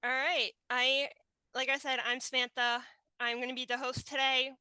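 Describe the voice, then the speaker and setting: Friendly woman podcast host, slightly high, dry close sound. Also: little pitch movement, normal speed, bright, forceful tone, smooth, no echo. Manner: friendly, organizing guests. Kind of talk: casual tribute podcast hosting.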